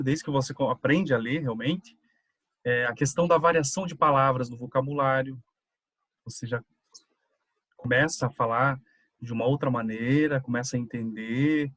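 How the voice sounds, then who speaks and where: A man's voice: mid-range voice, fairly bright tone, breathy edge, no room sound. A Brazilian Portuguese-speaking man giving a student seminar presentation, explaining with everyday examples and frequent tag questions. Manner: conversational, explaining with examples and filler "né".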